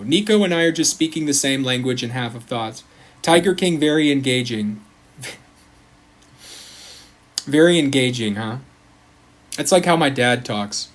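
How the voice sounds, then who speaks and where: A man hosting a casual livestream, rambling and chatty, greeting viewers by name in the middle of his sentences. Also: fairly high pitch. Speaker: livestream host.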